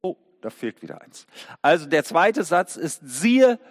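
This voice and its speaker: A man preaching in a church, his voice pitched high and swinging widely up and down. He takes his time, leaning into the story and tossing out rhetorical questions. Long reverb from the hall trails each phrase. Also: sing-song, moderate pace, husky. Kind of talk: sermon.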